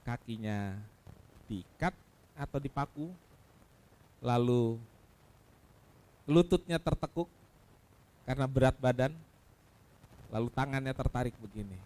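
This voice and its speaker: A man with an Indonesian accent preaching a sermon as pastor, asking rhetorical questions and swinging between loud cries and soft low asides. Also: unhurried, pauses often. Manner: addresses listeners as saudaraku.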